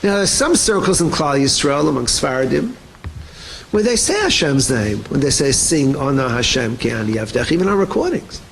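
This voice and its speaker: A man teaching a Torah class, animated and acting out quoted voices, with Hebrew terms mixed into his English. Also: mid-range voice, moderate pace, vocal fry, a little hiss or hum, rough recording. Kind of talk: lively Torah shiur.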